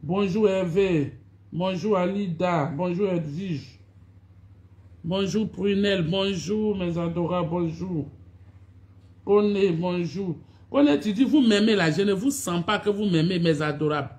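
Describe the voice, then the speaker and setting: A woman's voice: on the low side, unhurried, a little mellow. Actress, live-stream chat, scolding and complaining to her fans. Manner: scolding, complaining, repeats greetings and "my dears" to viewers.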